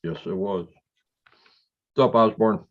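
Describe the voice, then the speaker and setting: A man's voice: on the low side, a little slow, lo-fi sound. A man tossing out upbeat greetings and quips on a group video call. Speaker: chat participant.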